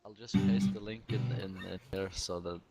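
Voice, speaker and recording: A man's voice: sits low, fairly even intonation, moderate pace, over loud music. A man joking casually with his gaming group during a break. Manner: joking, laughs often. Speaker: player.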